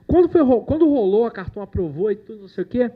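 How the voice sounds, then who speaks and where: A man's voice: extremely high pitch, big pitch swings, fast talker, narrow, tinny audio. A man who produces animation, giving a casual, joking talk to university students, full of slang and the odd curse. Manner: chatty, jokey, with slang and swearing. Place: university lecture room.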